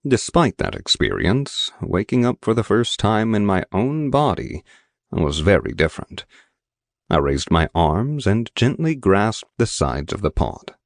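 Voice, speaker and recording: A man reading an audiobook in measured, steady first-person narration, with slow deliberate phrasing. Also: on the low side, no room sound. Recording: dry, dead studio sound.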